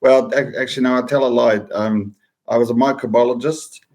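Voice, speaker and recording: A middle-aged guest with a New Zealand accent, who works in food safety, walks through his career in a casual interview. He's matter-of-fact and lists things off steadily, his voice medium-pitched, even and somewhat dark, at a slightly fast clip.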